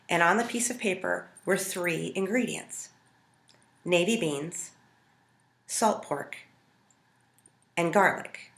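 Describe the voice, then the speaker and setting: Hosting a home cooking video, a woman from Montana chats casually to the camera, telling stories as she goes. Her voice is low for a woman yet bright and forward. The room is echoey, with clear reverb around her speech.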